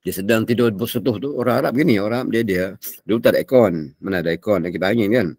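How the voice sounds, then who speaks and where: A man's voice: fairly low pitch, quick pace, darkish tone, breathy edge, dry recording, clean studio sound. Older Malaysian man coughing through a lecture. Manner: chatty and digressive, breaks into Arabic recitation. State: coughing often. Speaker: religious teacher. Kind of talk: morning religious lecture.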